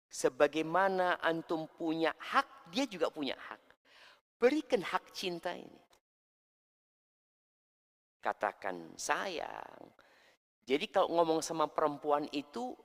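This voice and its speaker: A male preacher delivers a sermon with a bright, ringing voice that swings widely up and down in pitch. He talks straight to his listeners and acts out the people he quotes. His voice trails off in the long reverb of a large hall. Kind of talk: sermon to a congregation.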